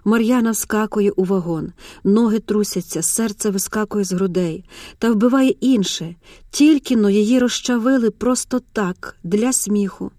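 A woman narrating an audiobook in a measured, dramatic manner. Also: medium pitch, warm tone, dry recording, studio quality.

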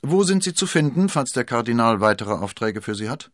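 A man voicing a cocky male spy in a storybook reading, loud and offhand. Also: mid-range voice, sing-song, fairly quick, no room sound, clean studio sound, voice pushed up, lightly acted. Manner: brash, offhand.

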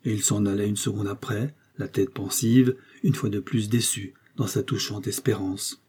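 A man reading a classic short story aloud in a measured, expressive way. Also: lowish voice, breathy edge. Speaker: audiobook reader.

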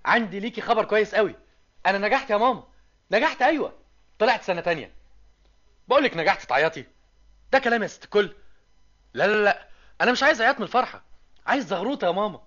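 An actor playing a lively young male student in an old Egyptian radio drama, speaking with an Egyptian accent. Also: sits high, racing, pauses often, heavily acted. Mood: overjoyed. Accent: Egyptian Arabic. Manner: lively, teasing, excited. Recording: dull old radio recording with music.

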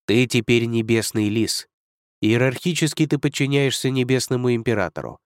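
A man's voice: mid-range voice, moderate pace, no room sound, clean studio sound, natural voice. A man reading an audiobook, voicing a proud male dragon lord who speaks coldly and curtly. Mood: stern. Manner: cold, curt, commanding.

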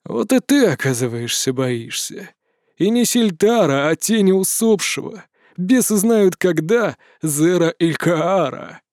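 A man's voice: high voice, lively intonation, measured pace, a little mellow, no room sound. A man voicing a sardonic lizard-man mage who talks in a dry, mocking way. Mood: wry.

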